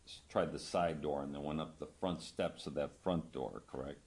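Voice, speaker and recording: Deep-voiced male lawyer questioning a witness. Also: a little mellow. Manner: conversational, halting phrasing, tags questions with "right?". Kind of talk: courtroom questioning.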